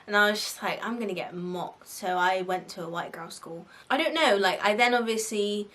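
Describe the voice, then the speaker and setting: On her faith podcast, a young woman from Bristol, England, offers blunt, easygoing advice in her local accent, laughing frequently and saying "like" constantly. She talks at a moderate pace in a mid-range, fairly bright voice.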